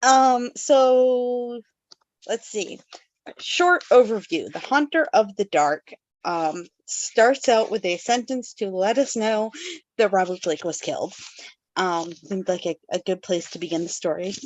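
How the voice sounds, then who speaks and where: A woman's voice: medium pitch, measured pace, a little mellow, dry recording. A woman hosting a casual book club podcast, reading background notes and then summarizing the story with fillers and laughs. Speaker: podcast host.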